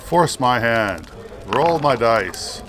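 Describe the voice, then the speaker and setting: Casual man reading a gamebook, halting. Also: mid-range voice, expressive, fairly bright tone, slight background noise. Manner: halting reading with frequent restarts and stumbles; chatty and self-deprecating in asides. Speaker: let's play host.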